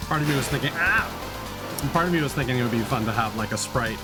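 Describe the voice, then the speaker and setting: This streamer has a medium-pitched, animated voice and talks fast over music. Wearing a headset mic, he narrates his gaming livestream informally, thinking out loud and making light of himself.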